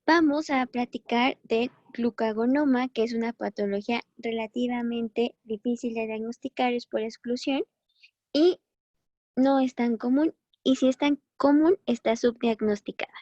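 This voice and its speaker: A woman's voice: a little high, fairly even intonation, normal speed, dark tone, dry recording, muffled recording. Chatty woman teacher, dry close sound. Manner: chatty, encouraging, corrects herself often. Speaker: medical teacher. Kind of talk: recorded lecture.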